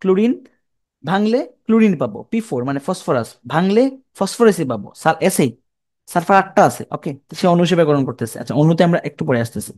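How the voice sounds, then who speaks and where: A young man teaching chemistry in a Bangladeshi Bengali accent talks fast and animatedly, his voice on the high side and a little mellow, with no echo. He's casual and repetitive, asking the students questions and answering them himself while repeating terms in colloquial speech.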